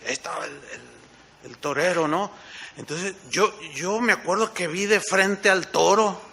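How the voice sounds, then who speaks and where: A pastor from Mexico with a Mexican accent, preaching a sermon through animated stories and rhetorical questions. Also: male voice, sits high, measured pace, gravelly, slight background noise.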